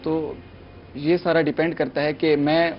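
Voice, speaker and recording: A man's voice: fairly high pitch, little pitch movement. Young man chatting eagerly, lo-fi sound. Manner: eager, chatty, sprinkles English words. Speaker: guest mimicry artist. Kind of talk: casual TV chat. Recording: dull lo-fi TV studio sound, faint music.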